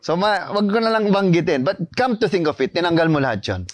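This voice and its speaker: A man with a Filipino accent, an animated and emphatic voice actor guest chatting in an interview. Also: sits high, a little fast, dry recording, clean studio sound. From Philippines. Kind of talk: casual interview chat, Tagalog-English mix.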